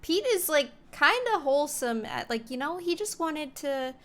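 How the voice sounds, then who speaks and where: A woman's voice: sits high, very animated, moderate pace. A woman hosting a reaction video, giving casual, joking commentary in a slangy, rambling way.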